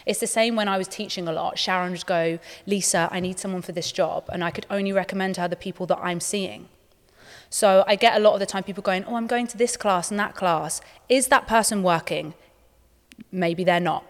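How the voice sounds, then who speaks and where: A woman's voice: medium pitch, steady tone, brisk. A British woman giving direct, explanatory advice in a casual Q&A, often posing questions and answering them herself. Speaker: panel guest, dance industry mentor. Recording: reverberant hall.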